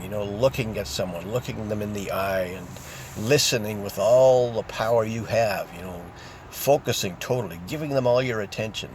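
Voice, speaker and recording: A man's voice: fairly low pitch, a little hiss or hum. An older man hosting a recovery show, speaking in an earnest motivational talk with lots of repetition. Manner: earnest, repetitive, drawn-out urging. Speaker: recovery radio show host.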